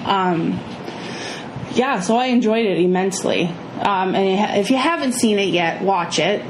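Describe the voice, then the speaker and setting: Slow-talking woman with vocal fry, echoey room. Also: medium pitch, animated. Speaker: co-host of a movie review show. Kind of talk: casual movie discussion. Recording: echoey room with clear background noise.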